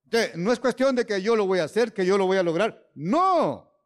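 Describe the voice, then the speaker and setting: A man preaching a sermon who keeps asking his listeners "¿ve?" and "¿verdad?", moving between loud emphatic lines and low, quiet asides. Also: lively intonation, moderate pace.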